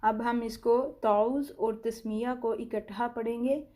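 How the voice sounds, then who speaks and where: A woman with a Pakistani Urdu accent teaching tajweed step by step. She draws out letter sounds slowly, then explains them calmly. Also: a little high. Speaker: Quran recitation teacher. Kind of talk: slow step-by-step tajweed lesson.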